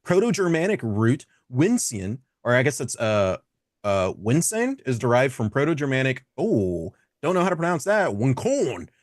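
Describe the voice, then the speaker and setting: A man's voice: mid-range voice, big pitch swings, normal speed, no room sound, clean studio sound. A man in casual, improvised livestream chat as a contestant, sometimes reading things out. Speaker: contestant on a live stream show.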